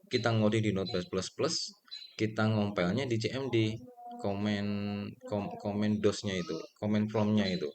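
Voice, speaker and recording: A man's voice: lowish voice, moderate pace, a crowd in the background. A man giving a casual programming lecture, talking loosely with fillers and self-corrections, and answering his own questions. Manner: relaxed and conversational, with frequent fillers and self-corrections; asks questions and answers them himself.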